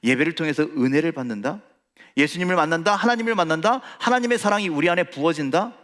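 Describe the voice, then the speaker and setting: A man's voice: on the high side, fast, fairly bright tone. A male pastor preaching a sermon with emphatic rhetorical questions, addressing his congregation. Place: church sanctuary. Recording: long church reverb.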